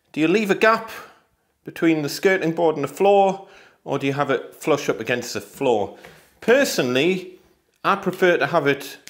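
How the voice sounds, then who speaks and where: A man in his thirties, a handyman, chatting through a DIY tutorial and thinking aloud as he tidies a room under renovation. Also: on the high side. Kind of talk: DIY tutorial walk and talk.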